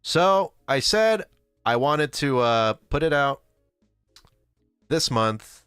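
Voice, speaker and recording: A man's voice: fairly high pitch, animated, takes it slowly, a bit bright, smooth, no echo, clean studio sound. A man hosting a casual livestream, rambling and correcting himself as he reads chat. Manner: rambling, self-correcting, laughs often. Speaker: livestream host. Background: faint background music.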